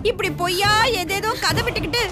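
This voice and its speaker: An actress playing a scheming mother-in-law accused of cruelty, wailing her protests, over loud serial music. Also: extremely high pitch, a little fast. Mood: indignant pleading. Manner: wailing protests, frequent cries of dismay.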